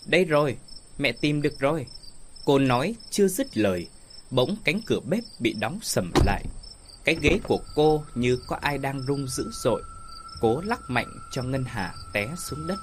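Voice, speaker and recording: A man's voice: medium pitch, very animated, normal speed, background noise. Man narrating a ghost story. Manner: dramatic storytelling delivery.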